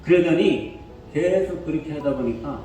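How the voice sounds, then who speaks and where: A male pastor preaching a sermon in a church, telling a story with lively questions to the congregation. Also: fairly high pitch, moderate pace. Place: church sanctuary. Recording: echoey church hall from far off, faint music.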